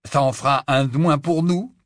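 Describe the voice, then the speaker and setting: A man voicing a blunt, impatient teenage boy wizard who talks in loud exclamations. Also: on the high side, normal speed, dry recording, studio quality, voice pushed up, lightly acted.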